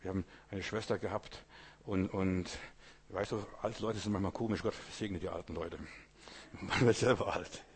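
A man's voice: low-pitched, fairly even intonation, normal speed, vocal fry, a little hiss or hum. A man preaching a sermon in a conversational way, often asking his listeners whether they follow and repeating his exhortations. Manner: conversational, keeps asking the audience "weißt du"; repetitive exhortation, rising loud on key phrases.

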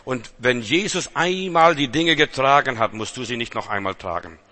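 A man preaching a sermon, dramatic and full of rhetorical questions, swinging between loud exhortation and hushed intensity. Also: mid-range voice, lively intonation, normal speed.

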